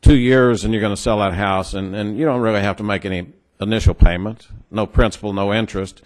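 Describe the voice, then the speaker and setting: A man with a West Texas twang questioning witnesses at a formal hearing in a halting, plain-spoken, skeptical way. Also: on the low side, steady tone. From New Mexico or West Texas, United States.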